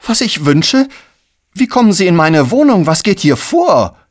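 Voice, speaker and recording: A man voicing a flustered, indignant middle-aged homeowner who shouts in an audiobook. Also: sits high, big pitch swings, slow, no echo, clean studio sound, voice pushed up, full character voice. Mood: outraged. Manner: agitated, shouting. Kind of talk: audiobook character voice.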